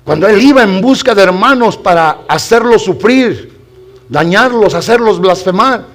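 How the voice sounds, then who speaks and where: A man's voice: high voice, animated, normal speed. A male pastor preaching a sermon with fervor. He fires rhetorical questions at the congregation and calls them brothers. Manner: fervent preaching with rhetorical questions and rising shouts.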